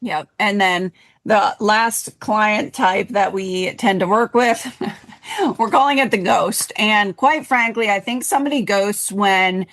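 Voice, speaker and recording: A woman's voice: mid-range voice, takes it slowly, a bit bright. A woman co-hosting a podcast, talking directly and repetitively about coaching clients. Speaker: podcast co-host, health coach. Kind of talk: casual podcast chat.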